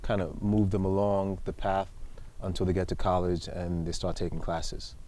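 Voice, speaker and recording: A middle-aged man born in Nigeria talks with a low voice. His tone is warm and relaxed. He answers questions calmly and teases his interviewer now and then. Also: normal speed. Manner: relaxed, gently teasing. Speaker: teacher. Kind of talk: casual interview.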